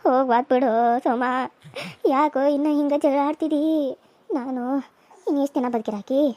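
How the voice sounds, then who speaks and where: A woman's voice: sits high, fairly even intonation, moderate pace, mellow, dry recording, close to an everyday voice. A woman voicing a frail, dying old village mother, wailing and pleading.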